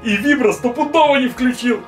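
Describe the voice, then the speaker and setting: A man's voice: very high-pitched, brisk, distant mic. In an echoey room, a little away from the mic with faint music behind, a grown man plays a cheeky, lazy schoolboy prankster. His talk is slangy and theatrical, full of playful whining in a comedy sketch style. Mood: sly scheming. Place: small classroom-like room indoors, camera a few meters away.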